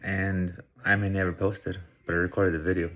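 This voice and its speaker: Man from Peru, very low voice, middle-aged, earnest vlogger thinking aloud to camera. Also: flat delivery, a little fast, fairly bright tone. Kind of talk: casual monologue to camera.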